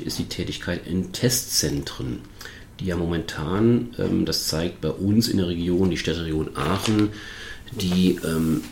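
A man talks through tax rules in a podcast. His voice is very low, and he explains in a measured way, often pausing with fillers and restarting sentences. The recording has a noticeable room echo. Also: creaky, darkish tone, a little hiss or hum. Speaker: tax advisor podcast host. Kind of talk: informational podcast monologue.

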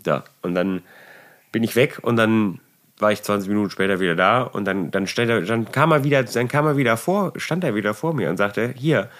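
A man telling a work story in casual chat, animated and exasperated, with many restarts and tag questions. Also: fairly low pitch, brisk.

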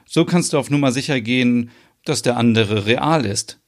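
A man's voice: medium pitch, moderate pace, close to an everyday voice. Man playing a sensible, knowing married woman. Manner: knowing, explanatory. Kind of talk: podcast soap opera acting.

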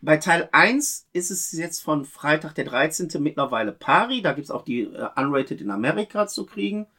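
A man's voice: on the high side, expressive, normal speed, bright, forceful tone. A middle-aged man co-hosting a podcast, earnestly recalling films and explaining details in casual chat. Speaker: podcast co-host.

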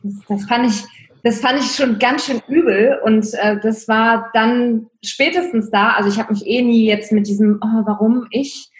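A woman's voice: a little high, moderate pace. Reflective woman in a roomy space. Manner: reflective, thinking aloud with many fillers. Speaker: interview guest. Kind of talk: casual conversation. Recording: roomy echo.

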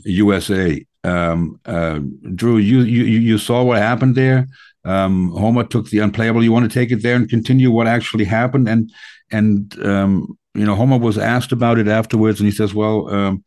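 A man with a fairly low voice hosts a conversational radio talk show. His phrasing is halting and deliberate, with hesitant pauses as he works toward each point. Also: a little mellow.

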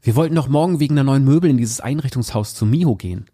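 A man's voice: medium pitch, fast talker, dark tone, husky, voice pushed up, lightly acted. A man reading as a scornful, stubborn fiancé. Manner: curt and scornful. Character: disgusted, stubborn young man, angry fiancé. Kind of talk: reading aloud from a story.

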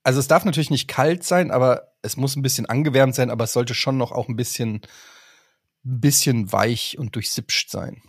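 A man's voice: medium pitch, moderate pace, husky, dry recording, studio quality. A man co-hosting a casual podcast, playful and self-mocking, who drifts into jokes. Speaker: podcast co-host. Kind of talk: casual chat.

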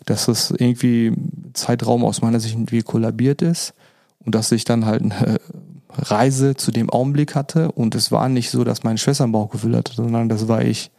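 A man speaks as a podcast guest, telling his own story in a loose, chatty way. His voice is low-toned and gravelly, with little rise and fall. He drops in fillers and acts out what people said. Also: level tone, moderate pace, darkish tone, dry recording, clean studio sound. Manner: informal, many fillers, acts out quoted dialogue. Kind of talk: personal storytelling in conversation.

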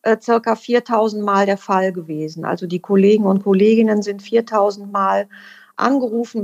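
A woman speaking as an official, explaining in measured, formal phrasing. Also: mid-range voice, vocal fry, a little mellow, highs cut off. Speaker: deputy head of a youth welfare office. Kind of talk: explanatory interview talk.

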